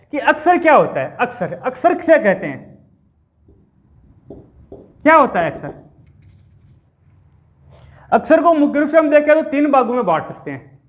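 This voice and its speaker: A man teaching an exam-prep grammar lesson, asking questions and answering them himself and repeating key terms. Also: extremely high pitch.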